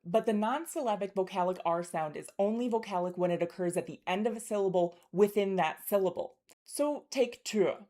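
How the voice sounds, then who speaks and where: A woman's voice: medium pitch, brisk, hardly any pauses, dark tone. A woman teaching pronunciation as a linguist, explaining carefully and articulately and demonstrating speech sounds, with a throaty r in German example words.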